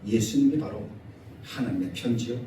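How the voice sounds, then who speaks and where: A male pastor delivering a Sunday sermon in a church, animated, acting out quoted scolding in a raised voice. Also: mid-range voice, moderate pace, background noise. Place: church sanctuary. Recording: echoey church hall, mic at a distance.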